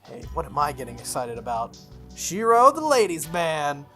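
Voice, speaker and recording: In a bright, forceful, sing-song voice of mid-range pitch, a gaming YouTuber and let's player reads a visual novel aloud at a normal speed. Jokey, casual asides interrupt the reading while game music plays in the background.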